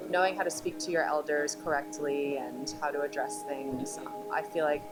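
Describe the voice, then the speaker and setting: A woman from the Boston area with a low voice speaks casually, often saying "like". Loud music plays under the interview. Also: fairly even intonation, normal speed. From Boston area, United States. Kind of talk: documentary interview.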